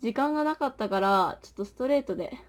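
A young woman chatting casually with viewers as a livestream host, playful and animated, often exclaiming as she reacts. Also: fairly high pitch, fast. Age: young adult. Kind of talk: casual chat with viewers during a makeup stream. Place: small indoor room.

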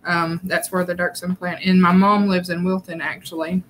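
A woman's voice: lowish voice, level tone, normal speed, fairly bright tone, slight background noise, rough recording. A woman from southwest Arkansas with a Southern accent, giggling as she reads viewer comments aloud in casual chat. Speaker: livestream co-host.

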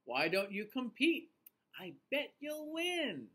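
Man reading as upbeat, animated gnome pal. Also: very high voice, slow pace, pitched above the performer's own voice, full character voice. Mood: encouraging. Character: friendly, encouraging young male gnome friend.

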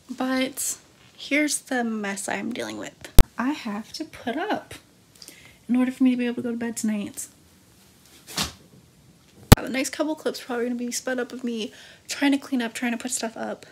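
A young woman in her early twenties with a lilt, chatting upbeat into a phone held at arm's length. Her voice sits a little high, and her talk is loose and full of fillers. A faint hum of the room stays under it. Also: fairly even intonation, normal speed, creaky, pauses often. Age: early 20s. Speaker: vlogger. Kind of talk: casual vlog chat. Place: home bedroom, apartment and parked car. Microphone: phone camera held at arm's length.

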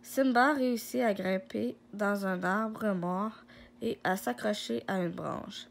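A woman reading a children's story aloud, slow, with frequent slips and restarts. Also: mid-range voice, creaky.

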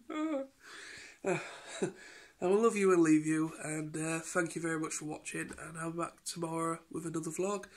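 This is a casual daily vlog from a British man in his thirties at home in his living room, filming on a phone at arm's length. Worn out and sniffly from a cold, he speaks in a slightly high voice, rambling with fillers and false starts.

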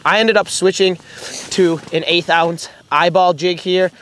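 Young male vlogger, upbeat chatty, slightly high voice, outdoor camera mic, faint wind noise. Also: unhurried. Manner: excited, chatty, explains his tackle. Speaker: fishing vlogger. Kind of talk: casual outdoor commentary. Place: outdoors on a frozen lake. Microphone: camera mic on the ice.

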